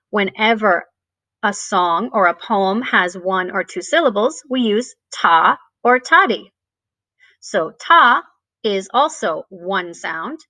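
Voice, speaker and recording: A woman teaching a bilingual music lesson to young children, switching between English and Spanish and speaking slowly and clearly. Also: medium pitch, bright, forceful tone, dry recording. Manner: sings and chants rhythm words.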